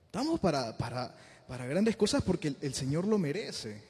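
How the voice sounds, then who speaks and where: Animated male preacher in a reverberant hall. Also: a little high, moderate pace, husky. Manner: animated, acts out quoted voices. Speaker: youth group preacher. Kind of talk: informal youth sermon.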